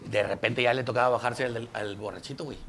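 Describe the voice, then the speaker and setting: A man's voice: mid-range voice, steady tone, quick pace, a bit bright, a little hiss or hum. A man with a Mexican accent telling crude jokes as a comedian, rambling and profane with many restarts.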